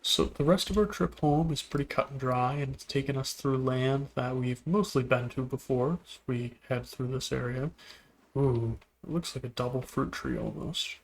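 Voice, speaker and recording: A man giving relaxed, musing commentary while playing a video game, now and then talking to things on screen. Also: mid-range voice, normal speed. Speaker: gameplay video host. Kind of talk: casual gameplay commentary.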